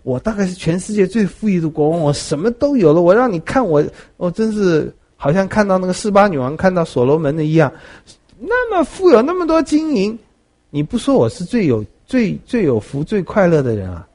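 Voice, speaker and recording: A man's voice: sing-song, brisk, darkish tone. A man preaching acts out a boastful, indignant rich ancient king in a raised voice. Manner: pleading and boastful, rising high.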